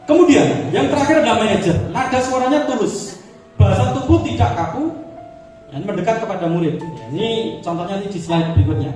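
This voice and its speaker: Man, teacher presenting, high voice, mellow tone, chatty with fillers, echoey hall, mic far off. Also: lively intonation, quick pace. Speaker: teacher leading a training session. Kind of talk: classroom-style presentation to fellow teachers. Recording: echoey room, mic far off, faint music.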